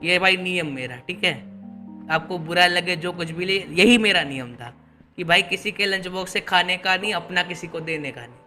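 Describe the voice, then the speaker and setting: Young man, high bright voice, slangy animated storyteller. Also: normal speed, faint music behind. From Gujarat, India. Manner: animated, slangy, peppered with buddy fillers. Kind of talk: casual storytime vlog.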